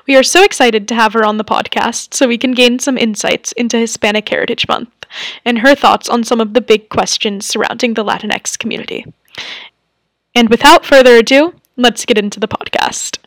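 A woman's voice: on the high side, steady tone, fairly quick, fairly bright tone, no echo. Young woman reading a podcast intro. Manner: upbeat, read from script. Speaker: student podcast host.

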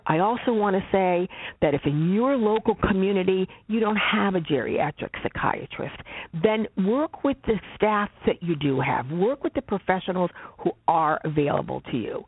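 Social worker, slide presentation, measured and deliberate, husky, narrow phone-line sound. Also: medium pitch, no room sound. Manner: measured, deliberate, emphatic repetitions.

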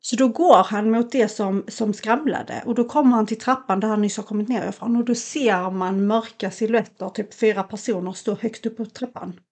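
A young woman co-hosting a podcast, retelling a scary film in a lively, casual way and acting out the lines of the people in it. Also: medium pitch, few pauses. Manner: animated retelling, acts out quotes. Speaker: podcast co-host. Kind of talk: casual storytelling chat.

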